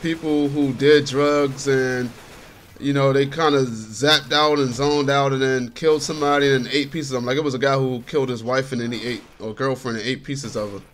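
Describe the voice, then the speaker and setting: A chatty male gaming commentator talks over gameplay at an ordinary mid pitch. His delivery is loose and relaxed, with frequent laughs. A faint hiss sits under the voice. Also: moderate pace. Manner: laid-back, chatty, laughs often. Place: his bedroom.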